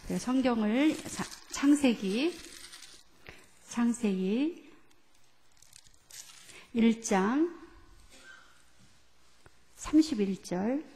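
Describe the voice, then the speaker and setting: A woman's voice: a little high, animated, extremely slow, long pauses, warm tone, in a large hall, slight background noise. A woman pastor giving a teaching sermon, asking the congregation questions and leading them through scripture readings. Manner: asks the congregation questions and leads group reading. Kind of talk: sermon lecture. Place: church sanctuary.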